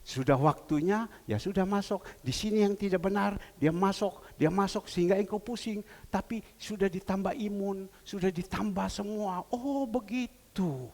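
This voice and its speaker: High-pitched man preaching in a church hall. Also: normal speed. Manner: animated storytelling, acting out phone calls in dialogue. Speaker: pastor. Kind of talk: sermon.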